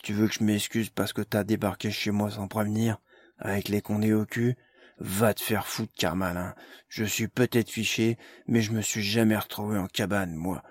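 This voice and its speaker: A man voicing a big, foul-mouthed male ogre who talks gruffly, with slang and sarcasm. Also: on the low side, little pitch movement, moderate pace, no echo, close to an everyday voice.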